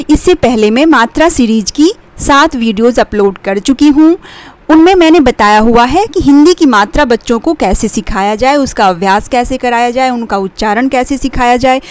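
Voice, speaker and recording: A woman's voice: on the high side, expressive, normal speed. A woman in her thirties teaching parents how to help young kids learn letter sounds, patiently spelling each sound out and slipping English phrases into her talk. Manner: mixes English phrases into Hindi. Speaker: teacher of a children's channel.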